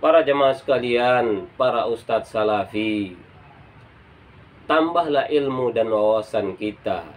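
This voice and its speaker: Slow-speaking male preacher. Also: mid-range voice. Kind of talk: lecture to a congregation.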